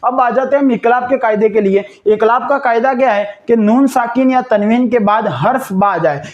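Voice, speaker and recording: A man teaching Quran reading step by step. He spells out letters slowly, syllable by syllable, and patiently asks questions that he answers himself. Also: very high voice, dull audio. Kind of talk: step-by-step recitation lesson.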